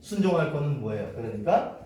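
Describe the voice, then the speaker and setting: A man's voice: on the high side, big pitch swings, fairly quick, dark tone. A male pastor preaching a sermon, telling a story in a conversational way and asking the congregation rhetorical questions. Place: church sanctuary. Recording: echoey hall from far off, faint hiss.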